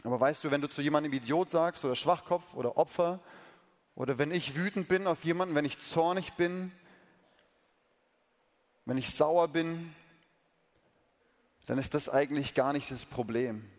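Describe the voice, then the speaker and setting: A man's voice: fairly high pitch, normal speed, long pauses. A man preaching a sermon earnestly, talking straight to his listeners and asking them questions. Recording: long reverb of a large hall.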